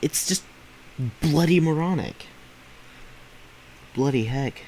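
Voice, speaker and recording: A man's voice: a little high, animated, slow pace, darkish tone, a little hiss or hum, low-quality recording. A man hosting a reaction video, talking back at clips in indignant, emphatic rants. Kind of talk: reaction commentary.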